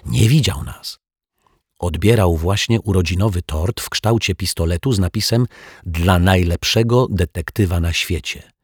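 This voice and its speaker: A man voicing an earnest young boy who explains things in a low, hushed voice. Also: moderate pace, husky, dry recording, clean studio sound. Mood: whispering. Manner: explaining, whispering.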